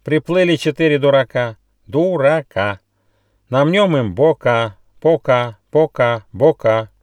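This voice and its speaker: A man's voice: mid-range voice, expressive, slow pace, no echo, voice pushed up. A man voicing a hysterical female kookaburra bird that shrieks and cackles in rhymes. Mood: shrill mocking. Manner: cackling, rhyming chatter.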